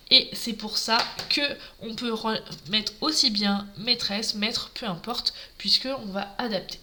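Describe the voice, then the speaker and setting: Working at her craft table, a woman from Normandy, France, runs a live papercraft tutorial as a craft demonstrator, chatting away and welcoming viewers by name. Her voice is on the high side, and there's background noise.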